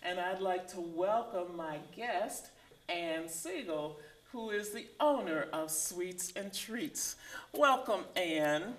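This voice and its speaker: A woman hosting a community talk show, explaining in a measured storytelling way. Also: lowish voice, expressive, echoey room. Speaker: host.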